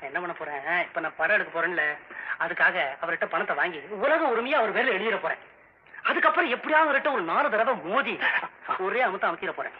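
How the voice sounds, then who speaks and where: An actor playing an excitable, boastful young would-be film director, talking in a shrill, theatrical way. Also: male voice, fast talker, slightly rough. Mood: scheming. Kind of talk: vintage film comedy acting. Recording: muffled old film soundtrack.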